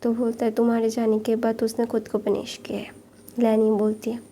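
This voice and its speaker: Woman storyteller, gravelly low-lit tone, flat delivery, faint hiss behind, casual retelling full of restarts. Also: fairly quick. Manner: retells dialogue with many fillers and restarts. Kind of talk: casual fan-fiction retelling.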